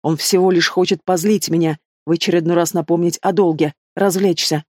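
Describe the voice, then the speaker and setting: A stern, overprotective werewolf father, as an audiobook reader voices him, middle-aged and commanding. He growls orders at his daughter in a storybook reading. Dry, close sound with a mid-range pitch. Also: steady tone, fairly quick, darkish tone, no room sound, lightly acted. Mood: angry.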